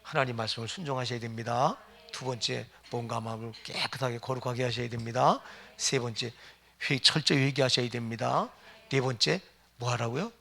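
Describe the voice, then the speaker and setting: A man's voice: medium pitch, brisk, creaky, sharp tone. A middle-aged man preaching a sermon as pastor, emphatic and firing rhetorical questions at the congregation.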